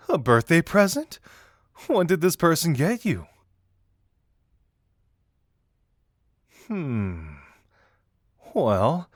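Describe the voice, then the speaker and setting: Man acting Dazai, a teasing, lively flirt. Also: medium pitch, dry recording, clean studio sound. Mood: curious, teasing. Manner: teasing, theatrical, drawn-out words. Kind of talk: intimate roleplay audio acting.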